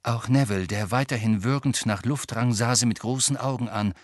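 A man narrating a storybook in an expressive, animated reading. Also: medium pitch, a little fast, no echo, clean studio sound. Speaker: audiobook narrator. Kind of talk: scripted narration.

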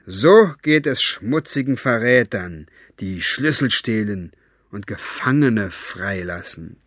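A man's voice: lowish voice, lively intonation, slow pace, a bit bright, no echo, full character voice. Male reader as cold villain boss, silky taunts, menacing, storybook audiobook, dry close sound. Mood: gloating. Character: cold mocking male villain leader, adult. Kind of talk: audiobook character voice.

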